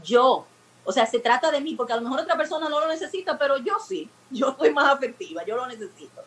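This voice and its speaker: A woman's voice: high-pitched, lively intonation, fast, a bit bright, slight background noise, low-quality recording. Didactic woman advice guest. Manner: didactic, explains with acted everyday examples. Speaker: guest expert on emotional communication. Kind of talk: explanatory talk-show advice.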